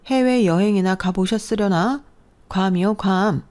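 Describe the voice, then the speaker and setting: A woman's voice: mid-range voice, unhurried, darkish tone, voice pushed up, lightly acted. A woman voicing a snobbish, sneering sister-in-law in a storybook narration, with a mocking, condescending manner. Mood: snooty.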